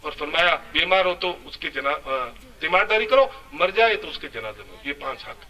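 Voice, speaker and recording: A man's voice: a little high, lively intonation, normal speed, sharp tone, recorded from a distance, poor audio. A man preaching a sermon with emphatic delivery that rises and falls. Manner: emphatic, rising and falling delivery. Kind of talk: Urdu-Hindi sermon.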